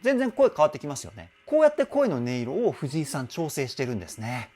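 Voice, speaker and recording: A man working as a vocal coach, explaining a singer's technique in an animated, enthusiastic way. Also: on the high side, fast. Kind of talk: song reaction and vocal analysis. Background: faint music from the song being analyzed.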